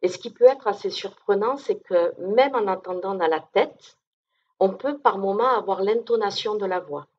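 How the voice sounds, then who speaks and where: A woman's voice: mid-range voice, expressive, moderate pace, a little mellow, slightly rough, muffled recording. A woman medium giving an informal conference talk to an audience, down-to-earth and chatty, often checking in with listeners. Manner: down-to-earth, chatty, many fillers and check-ins.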